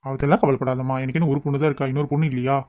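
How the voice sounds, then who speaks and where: A man voicing a calm middle-aged father in a cartoon who reassures his wife. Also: medium pitch, very fast, highs cut off, noisy background, lightly acted. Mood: reassuring. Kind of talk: cartoon voice acting.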